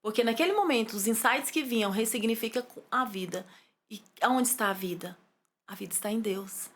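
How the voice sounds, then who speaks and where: A Brazilian woman, a psychologist and pastor, telling her life story in an interview with fervent, animated energy. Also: fairly high pitch, a little fast. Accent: Brazilian Portuguese. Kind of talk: testimony interview.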